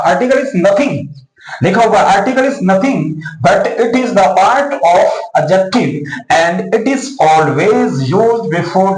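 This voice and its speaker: Male Hindi-accented tutor, higher voice, repeats and quizzes students, recorded in a roomy space. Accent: Indian, Hindi-speaking. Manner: repetitive, questioning, addresses students as beta. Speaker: English teacher. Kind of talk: classroom lesson explaining pronunciation. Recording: echoey room.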